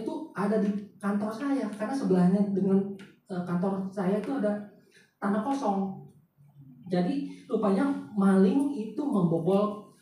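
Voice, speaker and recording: A pastor telling a personal story in a sermon, chatting with the congregation and often asking them questions. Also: male voice, high voice, warm tone. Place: large church hall. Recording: very echoey hall, voice picked up from far off, faint noise.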